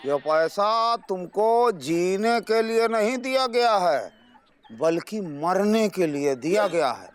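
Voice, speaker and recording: Slow, philosophical old villager, high voice, faint music. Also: male voice, animated. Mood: wistful. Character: slow, wise older male villager.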